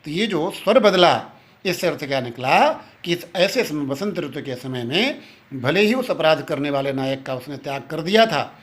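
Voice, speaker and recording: A male Sanskrit literature teacher giving a classroom lecture, explaining step by step and chanting verses slowly, with pauses mid-sentence. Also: on the high side, a bit bright. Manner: many fillers and restarts, pauses mid-sentence.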